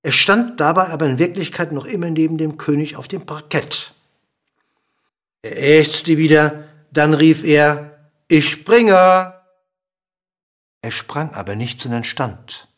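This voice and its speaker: Slow, expressive German-language story reader. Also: male voice, a little high. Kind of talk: literary story reading.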